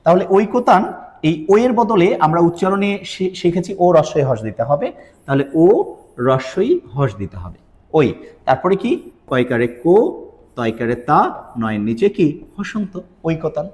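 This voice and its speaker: A man's voice: a little high, lively intonation, normal speed, a little mellow, big-room sound. A man teaching pronunciation rules, explaining step by step and quizzing his students. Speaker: Bangla grammar teacher. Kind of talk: recorded video lesson.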